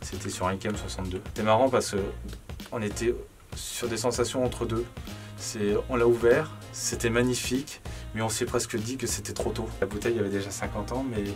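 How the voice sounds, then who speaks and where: Sommelier guy in his 30s, lowish voice, chatty with lots of ums, music playing under him. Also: fairly even intonation, a little fast. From Charente, France. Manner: conversational, many fillers and "en fait". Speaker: head sommelier. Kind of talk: guided cellar tour. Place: stone wine cellar indoors.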